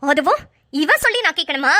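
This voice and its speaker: Sly scheming young bride. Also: female voice, sing-song, brisk, bright, forceful tone, heavily acted. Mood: scornful scheming. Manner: fake sobbing in a high voice. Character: scheming newlywed young woman, spiteful and sly. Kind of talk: cartoon voice acting.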